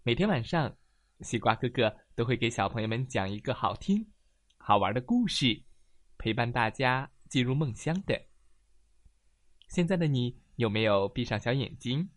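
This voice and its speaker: Animated man telling a bedtime story. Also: mid-range voice, no echo. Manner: gentle, animated, slow. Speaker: children's storyteller.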